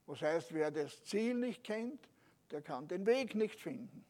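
A man preaching a sermon, emphatic, slowing on stressed phrases and dropping soft at the ends, turning to listeners with rhetorical asides. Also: high-pitched, lively intonation.

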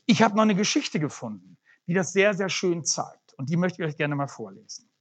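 A preacher giving a sermon, searching for words and often restarting phrases, with lively swings in pitch and loudness. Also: brisk. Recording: dull lo-fi recording.

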